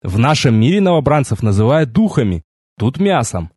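A man reading a first-person fantasy novel aloud with wry, lively storytelling. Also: mid-range voice, moderate pace, slightly rough, dry recording, clean studio sound. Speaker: audiobook narrator.

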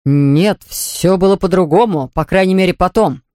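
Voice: mid-range voice, normal speed, dry recording, natural voice. A narrator voicing a hostile, defensive husband, reading in a dry, close studio recording. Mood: pleading. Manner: shouting, then pleading.

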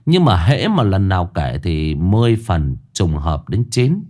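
Expressive low-voiced storyteller man. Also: measured pace. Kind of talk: scripted ghost story narration.

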